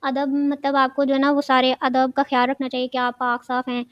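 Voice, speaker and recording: A woman's voice: high-pitched, little pitch movement, clean tone, no echo, dull audio. A woman teaching a children's religious studies lesson, asking questions and then answering them herself, often repeating key words.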